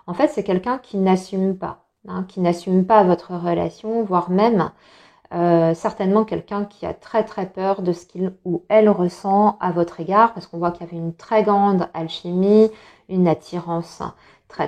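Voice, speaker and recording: A woman's voice: lowish voice, a little mellow. A woman giving a casual tarot reading to viewers, chatty and reassuring, with many fillers and restarts. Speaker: tarot reader.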